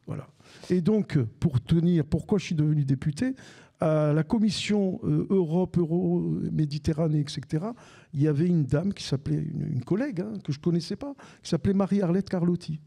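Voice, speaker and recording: An older man with a Marseille accent, telling lively anecdotes as a podcast guest and acting out the dialogue. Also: fairly high pitch. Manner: animated anecdotes with repeated restarts and acted-out dialogue. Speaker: guest, former sports radio commentator. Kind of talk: storytelling in a live podcast conversation.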